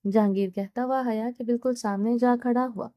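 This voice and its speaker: A woman reading a romance novel aloud as narrator, in a steady, measured storytelling voice. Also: fairly high pitch, no room sound. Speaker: novel reader.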